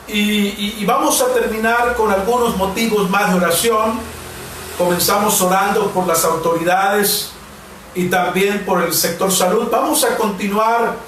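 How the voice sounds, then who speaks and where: Slow, earnest pastor in an echoey hall. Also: male voice, high-pitched, a bit bright. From Mexico. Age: 40s. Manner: earnest preaching with slow, emphatic repetitions. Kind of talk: sermon and prayer. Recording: very echoey room, distant mic, faint hiss.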